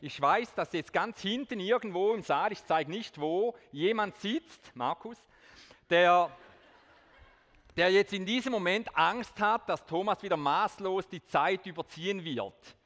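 A man with a slightly high voice gives an earnest testimony talk in a big hall, lightening it with self-mocking asides. A long hall reverb trails behind every phrase. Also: unhurried, fairly bright tone. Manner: switches to standard German for the audience. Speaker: speaker giving a testimony talk. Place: large hall with an audience.

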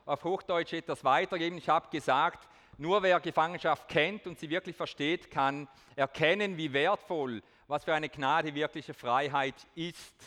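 Speaking at normal speed with few pauses and a sharp tone, a slightly high-voiced man gives a sincere testimony talk to an audience in a big hall. He shifts into standard German for the crowd and lightens things with jokes at his own expense, while long reverb follows every phrase.

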